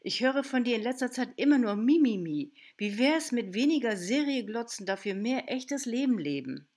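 A woman's voice: fairly high pitch, expressive, normal speed, darkish tone, voice pushed up. A woman voicing a stern, blunt aunt. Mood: scolding. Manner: firm, lecturing, blunt. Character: stern, outspoken middle-aged aunt. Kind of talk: audiobook character voice.

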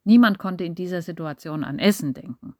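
A woman reading a story aloud as narrator in a measured, even way. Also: lowish voice, background noise. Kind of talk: audiobook narration.

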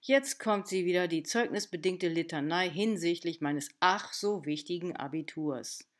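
A sulky, indignant teenage girl, voiced by a woman reading an audiobook. She complains defensively, a little higher and louder than the narration. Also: unhurried, close to an everyday voice. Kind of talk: audiobook character voice.

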